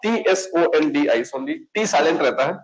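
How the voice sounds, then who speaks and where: A man with an Indian accent teaching an exam coaching class, slowly dictating and spelling out words letter by letter. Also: a little high, lively intonation, poor audio.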